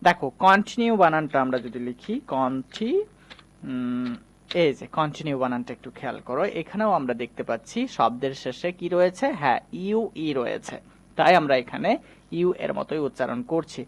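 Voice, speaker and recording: A man teaching a reading lesson, explaining patiently and slowly repeating each example word. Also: a little high, expressive.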